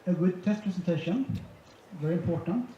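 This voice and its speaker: A man's voice: high voice, a little fast, warm tone, a little hiss or hum. Man presenting in an echoey hall. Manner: methodical, summarizing point by point. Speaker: conference speaker. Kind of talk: conference presentation. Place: large conference hall. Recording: echoey hall, dull sound, faint ambience.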